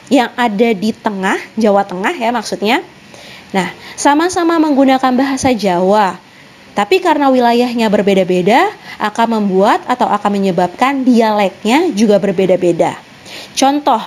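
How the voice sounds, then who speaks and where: A young woman teaches an online lesson in a slightly high voice. She explains patiently and methodically, moving from point to point with lots of examples and little linking words. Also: darkish tone. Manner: explanatory, with many examples and "nah" transitions.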